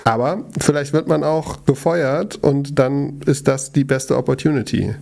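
A man's voice: medium pitch, a little slow, gravelly, darkish tone. A man co-hosting a podcast in a casual chat, giving frank, direct advice. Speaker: podcast co-host.

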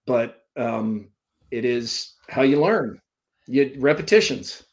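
This Vermont man in his fifties, a sports broadcaster, rambles slowly and expressively through his stories on a podcast, joining remotely from a computer. His pitch sits in the medium range, and his self-deprecating humor keeps the interview casual.

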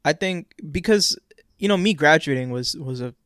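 A man's voice: fairly high pitch, animated, normal speed, fairly bright tone, dry recording, studio quality. Rambling young man podcast co-host. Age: 20s. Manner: casual, rambling, repeats words. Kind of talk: casual chat.

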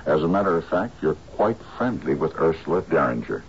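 An actor playing a shrewd private detective in a drama, talking in a dry, deliberate, sardonic way. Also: male voice, rumbling low, animated, dull audio, a little hiss or hum. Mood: dry, accusing. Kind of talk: screen drama acting.

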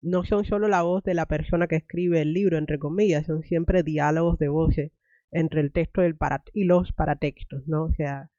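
A young woman from Cuba hosts an interview in a thoughtful, unhurried way, full of "eh" fillers and restarts. Her voice is dark and mellow, recorded dry and close. The sound is dull and lo-fi. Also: sits low, steady tone, no echo. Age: young adult. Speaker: podcast host, academic. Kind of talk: conversational interview, then reading a poem aloud.

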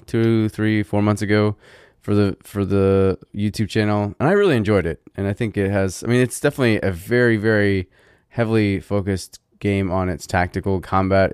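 A man's voice: low voice, darkish tone, smooth, no room sound, clean studio sound. A man co-hosting a podcast, chatting casually with many fillers and restarts. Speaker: podcast co-host. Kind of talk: casual chat.

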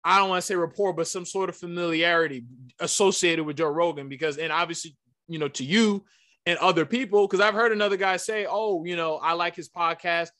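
A man's voice: high voice, steady tone, fast talker, bright, forceful tone. A man hosting a podcast, arguing his point insistently and emphatically, often repeating himself. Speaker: podcast host. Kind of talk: heated podcast debate.

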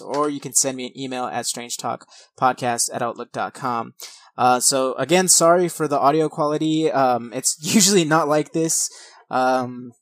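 This is a podcast host, a man aged thirty, talking casually and reading accounts in an informal, self-deprecating manner. His pitch is medium, and the headset recording made at his own setup has no room sound.

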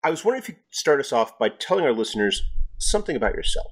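A man's voice: medium pitch, very animated, very fast, husky. A man hosting a podcast, introducing his guest and asking questions, repeating words as he goes. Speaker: podcast host. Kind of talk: podcast interview.

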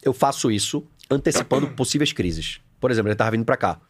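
A man with a Brazilian Portuguese accent, a coach chatting on a podcast, animated and slangy, acting out little scenes. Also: medium pitch, quick pace. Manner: animated, acts out scenes with shouted quotes, slangy. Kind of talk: casual podcast conversation.

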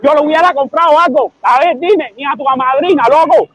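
A man's voice: extremely high pitch, fairly quick, a bit bright, no echo, low-quality recording. A man with a Cuban accent arguing heatedly on a live stream, repeating his points and talking over the others.

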